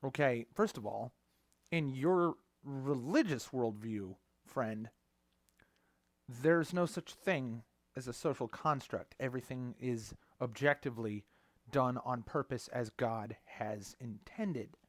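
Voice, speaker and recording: A man's voice: mid-range voice, slow pace, no room sound. A man reading an article aloud and mocking it in a sarcastic, profane commentary, often breaking off to scoff. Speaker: commentary vlogger.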